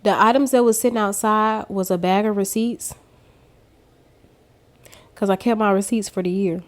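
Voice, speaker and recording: A faith vlogger shares a casual personal testimony, speaking straight to her viewers like a chatty storyteller. Her voice sits at medium pitch with fairly even intonation and a moderate pace.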